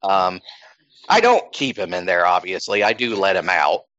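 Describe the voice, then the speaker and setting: A man's voice: low voice, sing-song, moderate pace, a bit bright. A man chatting casually as a podcast host, rambling with many ums and restarts. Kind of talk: casual chat. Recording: slightly dull lo-fi sound.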